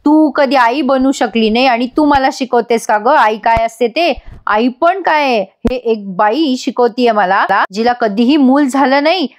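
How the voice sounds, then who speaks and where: A woman's voice: on the high side, measured pace, lightly acted. Woman reading a furious threatening mother. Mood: angry. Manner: accusing, threatening. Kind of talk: dramatic reading of serial dialogue.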